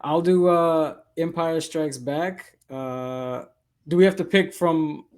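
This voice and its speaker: A man's voice: fairly high pitch, slow pace. A man, a comedy guest, speaking hesitantly in casual chat, stopping and starting.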